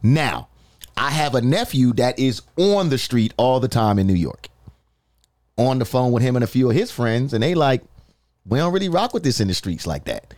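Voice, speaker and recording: Man, podcast host, lively rising and falling pitch, dry close sound. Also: normal speed, no echo. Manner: animated, questioning, restarts often. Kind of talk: casual podcast chat.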